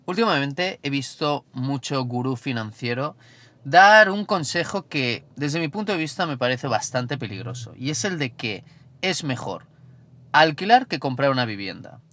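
A man's voice: mid-range voice, expressive, moderate pace, fairly bright tone, slight background noise. A man in his thirties vlogging while driving and touring an apartment, chatty and joking, talking with his hands. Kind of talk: casual vlog talk. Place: inside a car and an apartment, outdoors in mountains. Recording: music bed under the voice.

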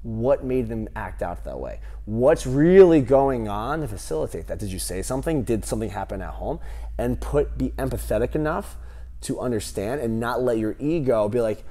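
A man in his thirties, a gym owner, answering interview questions with animated stories and lots of fillers, on a lapel mic in a large gym. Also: medium pitch, moderate pace. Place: large empty gym, indoors.

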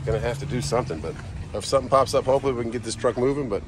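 A vlogger who is married to a trucking dispatcher narrates into her handheld phone camera as she moves between her car, yard, and home, indoors and out. She talks in a chatty, offhand, racing way, laughing at herself, her very low, expressive voice rising and falling a lot against a noisy background.

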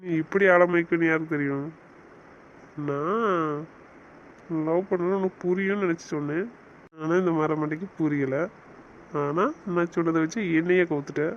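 A man's voice: on the high side, fairly even intonation, moderate pace, pauses often, highs cut off, a little hiss or hum, lightly acted. A man playing a teasing, bossy young husband in an audio romance series, scolding his wife in playful banter.

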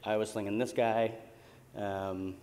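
This American tech company co-founder gives a conference keynote from the stage in a fairly low voice, speaking informally and a bit hesitantly with frequent ums. His delivery is flat, slow, and slightly mellow, and a large hall's long reverb surrounds the sound.

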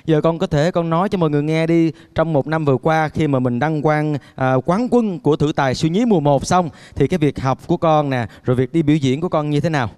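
A man's voice: on the high side, fast talker, hardly any pauses, darkish tone, clean tone. A male TV host introducing a performance and interviewing a young performer on stage in an upbeat, friendly way. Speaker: TV show host.

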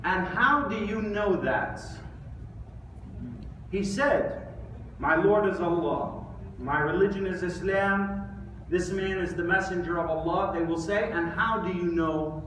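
Emphatic and deliberate, a preacher in his thirties uses rhetorical questions and pauses in his Islamic lecture, his voice high-pitched and a bit bright. Arabic recitation is quoted throughout the sermon. The setting is a large mosque prayer hall indoors, and a distant camera or phone yields an echoey, faintly noisy recording.

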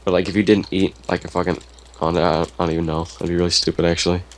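A man's voice: low-pitched, little pitch movement, racing, a little hiss or hum. A man playing a game and chatting casually, rambling with lots of fillers and frequent exclamations. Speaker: game player. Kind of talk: casual gameplay chat.

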